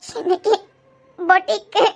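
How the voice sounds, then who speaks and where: A woman voicing a guilty, tearful young wife in a cartoon, with a Kanyakumari Tamil accent and a halting, apologetic way of speaking. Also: very high voice, steady tone.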